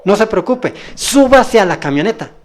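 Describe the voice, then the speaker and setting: A man's voice: high-pitched, expressive, moderate pace, pitched above the performer's own voice. A man voicing a kindly, insistent male spiritual teacher who soothes and repeats himself. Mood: coaxing. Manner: soothing, coaxing, repeats his words.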